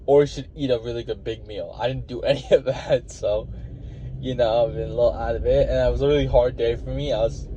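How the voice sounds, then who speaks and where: A man's voice: medium pitch, fairly even intonation, a little fast. A tired young man, a college wrestler, rambling casually to the camera with lots of fillers and restarts. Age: young adult. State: tired from little sleep. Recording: dull lo-fi audio with loud outdoor noise.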